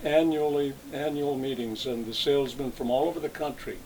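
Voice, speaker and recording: Older man recounting his working past for an interview, meandering and halting, with a faint hiss behind him. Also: medium pitch, darkish tone, rough recording. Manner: rambling, reminiscing with frequent restarts. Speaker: interviewee, retired salesman. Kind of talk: oral history interview.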